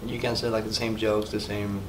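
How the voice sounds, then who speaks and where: Flat-voiced young man. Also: fairly low pitch, a little fast, noisy background. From Mexico. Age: young adult. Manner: searching for words, many "like" fillers. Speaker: international student. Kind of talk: interview answers.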